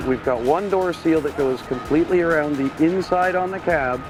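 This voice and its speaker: A man giving a plain-spoken, matter-of-fact promotional walkthrough as a plant tour presenter. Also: fairly high pitch. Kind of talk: explanatory promotional product walkthrough.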